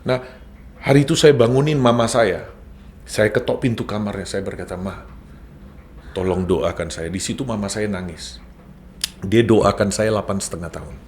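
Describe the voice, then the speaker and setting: A man's voice: on the low side, a little fast, a little mellow, a little hiss or hum. A middle-aged man telling his personal faith testimony in an earnest, heartfelt way, slipping in a few English words. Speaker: guest sharing a conversion testimony.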